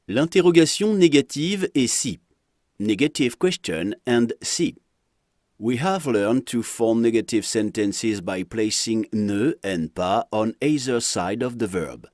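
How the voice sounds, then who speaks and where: A French teacher narrates a slow, scripted lesson, reading example phrases aloud and pronouncing them carefully. His medium-pitched voice is a little mellow, and the studio recording is clean with no room sound.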